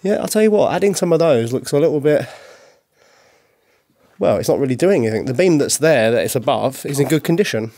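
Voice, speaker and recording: A middle-aged man, chatting casually and explaining things while touring a dark stone basement. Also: mid-range voice, expressive, brisk. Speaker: vlogger touring a building. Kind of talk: casual chat.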